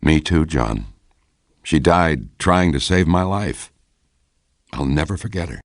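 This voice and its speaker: An actor playing a weary, loyal older commander in a video game cutscene, subdued and paternal. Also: male voice, very deep voice, expressive, slow pace, exaggerated voice. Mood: mournful. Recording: faint noise behind the voice.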